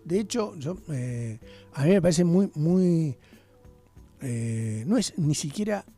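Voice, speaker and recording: A man's voice: a little high, expressive, takes it slowly, dark tone, faint music behind. A man, a guest in a radio interview, talking passionately and often checking in with his listener. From Argentina. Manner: passionate, talks with rhetorical tags.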